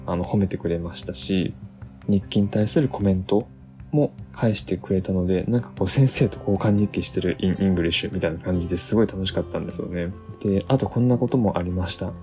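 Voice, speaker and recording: A man with a low, dark voice talks through a solo podcast episode. His delivery is easygoing and reflective, with frequent pauses and fillers. Soft guitar music plays faintly underneath. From Japan. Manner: relaxed, reflective, many fillers. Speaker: podcast host.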